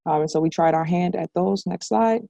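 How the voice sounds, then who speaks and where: Young female researcher, conference presentation, strongly gravelly fry, mellow husky tone, video call. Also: on the low side, a little fast, no room sound. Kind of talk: semi-formal scientific conference presentation.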